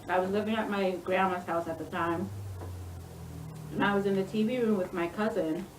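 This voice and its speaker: A woman's voice: mid-range voice, fairly even intonation, normal speed, a little hiss or hum. A young woman vlogger chatting casually and frankly, swearing now and then. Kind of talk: casual mukbang chat. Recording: roomy echo, far from mic, music behind.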